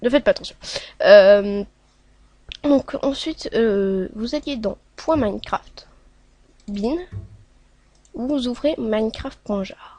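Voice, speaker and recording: A woman's voice: a little high, slow pace, long pauses, warm tone. A woman hosting a casual screen-recorded tutorial, talking along hesitantly with many filler sounds as she clicks through steps. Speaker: tutorial host.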